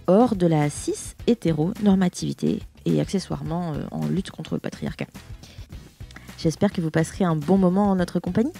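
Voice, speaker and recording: Podcast host, woman, 30s. Mellow, creaky tone, outspoken. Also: mid-range voice. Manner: lively, outspoken, informal. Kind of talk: podcast intro and interview.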